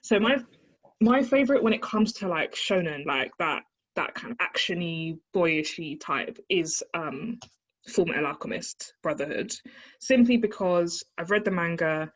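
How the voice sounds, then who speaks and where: A young woman chatting casually as a guest about her interests, animated and full of fillers. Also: on the low side, a little slow. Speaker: guest, anime fan. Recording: slightly dull lo-fi audio.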